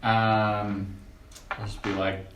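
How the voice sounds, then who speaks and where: A man's voice: lowish voice, level tone, slow pace. A man playing in a tabletop game, answering in short, laid-back casual replies. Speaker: player. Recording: distant, echoey, loud hiss.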